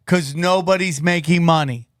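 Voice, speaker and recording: A man hosting a podcast, talking in an animated, ranting way and swearing freely. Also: a little high, moderate pace, no room sound, studio quality. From Armenian family from Turkey. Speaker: podcast host. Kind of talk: casual podcast chat.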